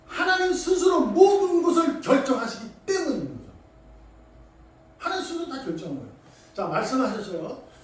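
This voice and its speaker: Guy pastor preaching, chatty and animated, far off mic, big church echo, bit of hiss. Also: high voice. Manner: animated, conversational preaching with acted quotes. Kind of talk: sermon. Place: church sanctuary. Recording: echoey hall, distant mic, faint noise.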